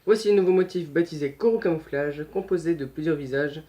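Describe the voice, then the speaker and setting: A young man narrates an unboxing in easy, chatty commentary, often correcting himself and muttering as he cuts open packaging. His voice sits a little high but sounds soft and mellow rather than bright. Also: a little fast. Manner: chatty, self-correcting, mutters while handling items. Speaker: unboxing vlogger.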